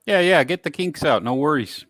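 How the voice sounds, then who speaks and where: A man's voice: fairly high pitch, animated, moderate pace, over a noisy crowd. A man chatting casually and briefly as a co-host on a livestream. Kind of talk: casual chat.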